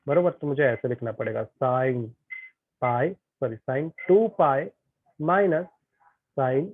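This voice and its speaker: A man's voice: medium pitch, slow pace, no room sound. A male tutor teaching an online physics class, chatty and often checking that students follow. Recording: tinny phone-like online class audio.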